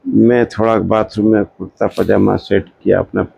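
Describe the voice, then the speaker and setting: A man telling a lively personal story as an interview guest, acting out the people he quotes in casual conversation. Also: fairly low pitch, moderate pace, vocal fry, slightly rough, no room sound, dull audio.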